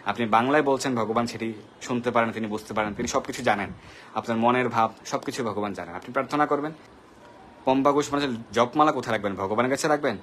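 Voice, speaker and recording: A man's voice: mid-range voice, fast, fairly bright tone, a little hiss or hum. A man hosting a live devotional question-and-answer session, patiently explaining and greeting viewers by name. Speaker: devotional Q&A host.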